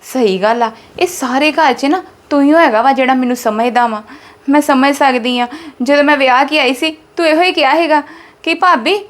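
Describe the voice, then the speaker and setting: A woman with a very high voice plays an aggrieved daughter-in-law in a home drama skit. She complains and scolds. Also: moderate pace. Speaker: actor playing a resentful daughter-in-law. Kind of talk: family drama skit acting.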